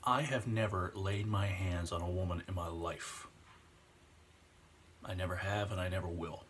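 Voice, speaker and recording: Low-pitched and a bit bright, with fairly even intonation, this man's voice carries over slight background noise. He's a vlogger in his 20s giving an emotional, earnest personal rant, slowing down whenever he hits weighty points.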